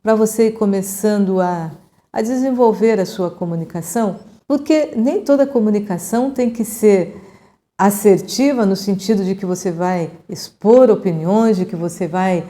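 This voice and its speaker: Brazilian woman, sixties, mellow voice, calm chatty advice, middle pitch. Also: normal speed. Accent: Brazilian Portuguese. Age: 60s. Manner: calm, chatty, addresses viewer as a friend. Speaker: channel host giving advice. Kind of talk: casual advice talk to camera.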